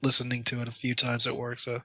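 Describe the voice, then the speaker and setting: A man's voice: mid-range voice, monotone, quick pace, sharp tone. A man co-hosting a podcast, chatting casually and hedging his points with many likes. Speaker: podcast co-host. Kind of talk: casual discussion.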